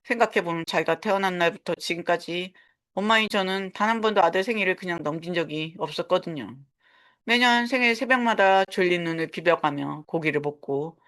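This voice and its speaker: A woman in her sixties narrating a first-person story in a calm, matter-of-fact way. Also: on the low side. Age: 60s.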